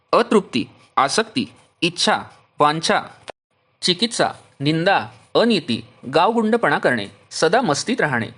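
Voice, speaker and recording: A man with a husky, slightly raised voice reads a devotional text, listing quality after quality. His delivery is lively in pitch, with steady, measured pauses between items. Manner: lists traits one by one with measured pauses. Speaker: reader explaining a devotional text. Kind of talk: steady devotional reading of a list.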